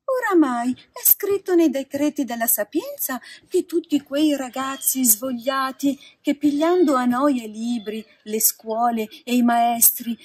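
Woman doing a sweet marmot lady, gentle n soothing, kinda solemn storybook voice. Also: high-pitched, no room sound, clean studio sound, pitched above the performer's own voice. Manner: soft, patient, consoling.

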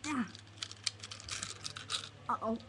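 A woman acting out a homemade toy skit in a playful voice, with sudden yelps and shouts. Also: drawn-out words. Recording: loud background noise.

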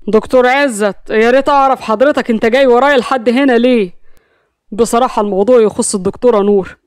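A woman's voice: a little high, fast, no echo, studio quality, lightly acted. A woman voicing a worried young male doctor, speaking with an Egyptian accent. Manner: worried, nervous.

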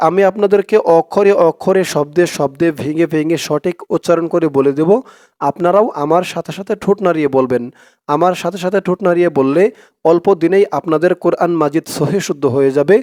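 A man from Bangladesh, teaching Quran reading by breaking words into syllables and chanting verses slowly. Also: a little high, darkish tone, no room sound, clean studio sound. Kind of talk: slow step-by-step recitation lesson.

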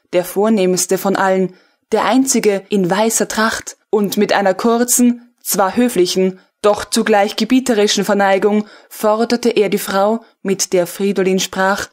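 A woman's voice: medium pitch, steady tone, measured pace. Woman reading a literary audiobook. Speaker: audiobook reader. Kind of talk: scripted literary narration.

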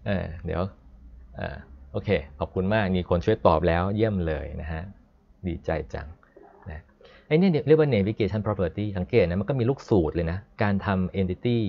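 Man, low voice, chatty coding instructor on a live class; dull lo-fi sound. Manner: chatty and explanatory, stops to read code aloud slowly. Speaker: programming instructor. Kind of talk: live-streamed coding lesson. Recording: dull lo-fi stream audio.

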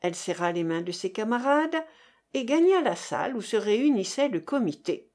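A woman reading a classic novel aloud in a measured, expressive way. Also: mid-range voice. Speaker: audiobook reader. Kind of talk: scripted narration.

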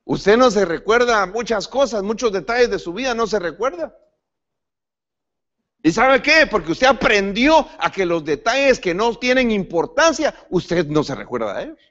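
Male pastor, preaching, lively higher voice, dull lo-fi recording, restarts words often. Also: normal speed. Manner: preaching, addresses the congregation as brother; lively pitch swings, rising to sudden emphatic peaks. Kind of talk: sermon.

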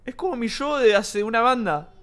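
A man's voice: extremely high pitch, lively intonation, normal speed, fairly bright tone. A young man with a Rioplatense accent giving casual, loose streamer reaction commentary, swearing freely. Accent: Rioplatense Spanish. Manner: loose, chatty, swears a lot.

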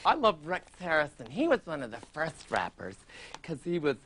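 An actor playing a pompous, oblivious, fussy middle-aged talk show host who gushes and is prissy, on a TV set. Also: male voice, a little high, huge pitch swings, normal speed, fairly bright tone, heavily acted. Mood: gushing. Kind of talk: improvised comic interview.

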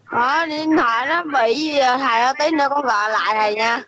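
A woman's voice: high-pitched, fairly quick. A female student on a weak phone connection answering her teacher politely in short replies. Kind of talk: answering on a video call. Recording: lo-fi phone call with background chatter.

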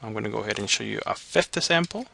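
A man narrating a step-by-step software tutorial as the instructor. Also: fairly low pitch, animated, very fast, gravelly, a little hiss or hum. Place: voice-over on a screen recording.

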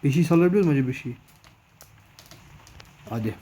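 A man talking over a horror game in crude, exasperated bursts, then drawing out slow mock fairy-tale lines. His voice sits at a middle pitch. A faint hiss runs underneath. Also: lively intonation, warm tone. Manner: swearing, exasperated, playful mock storytelling. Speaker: gamer. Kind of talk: comedic horror gameplay commentary.

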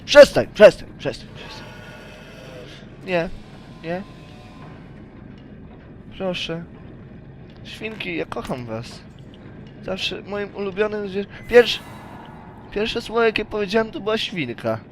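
A man's voice: high voice, animated, slow pace, pauses often, a bit bright, a little hiss or hum. A young man commentating a horror game, joking around and shrieking and pleading when scared. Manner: jokey, easily startled, shrieks and pleads. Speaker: gaming YouTuber.

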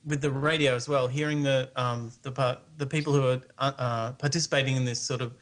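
A man from Melbourne, Australia, speaking with an Australian accent, appears as a guest on a live internet show. His mid-range, slightly bright voice moves fairly quickly with fairly even intonation. The unscripted chat is casual, rambling, good-natured and hesitant.

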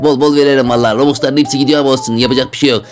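A young man doing excitable gameplay commentary, talking to his viewers and yelping high when his character falls. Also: rapid-fire, soft background music. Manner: talks to viewers. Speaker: gaming YouTuber.

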